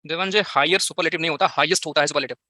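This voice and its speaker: A man's voice: fairly high pitch, steady tone, very fast, sharp tone, no room sound, clean studio sound. A young man teaching physics in a live online class, playful and teasing as he banters with his students.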